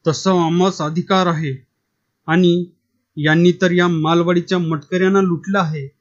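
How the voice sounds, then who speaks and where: A man's voice: high voice, fairly even intonation, normal speed, natural voice. A man voicing an irritable, haughty government district officer. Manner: snappish, haughty. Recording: dull lo-fi recording.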